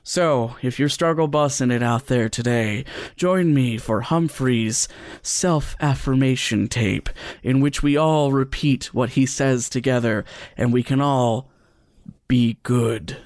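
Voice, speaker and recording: A man's voice: medium pitch, takes it slowly, darkish tone, no room sound. A man hosting and editing a podcast, giving casual behind-the-scenes commentary in a wry, playful way. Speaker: podcast host and editor.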